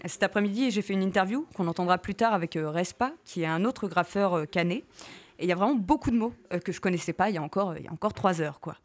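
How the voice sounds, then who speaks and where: A young woman hosting a radio interview, friendly and relaxed with frequent fillers. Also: medium pitch, quick pace. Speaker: radio host.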